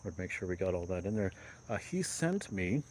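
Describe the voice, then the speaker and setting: Casual male DIY vlogger, thirties, slightly low voice, stop-and-start explanations, recorded outdoors with light insect ambience. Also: very animated, normal speed, a little hiss or hum. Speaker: javelin repairer presenting a video. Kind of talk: casual outdoor how-to vlog. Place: outdoors in a backyard.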